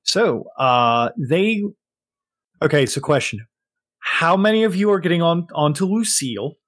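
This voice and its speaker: Halting male game master, dry sound. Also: a little high, animated, fairly bright tone, dry recording. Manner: halting, searching for words. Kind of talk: improvised tabletop game narration.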